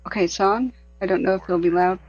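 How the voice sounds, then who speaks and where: A man with a notably high voice talks casually as a livestream host. The sound is slightly dull and lo-fi, and the commentary is loose and unscripted. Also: steady tone, fast talker, a little hiss or hum. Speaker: livestream host monitoring fire scanners.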